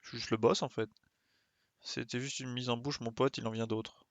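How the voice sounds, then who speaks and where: A game streamer gives casual live commentary while playing, muttering short interjections as he thinks aloud. His medium-pitched voice stays level at a moderate pace, with no room sound.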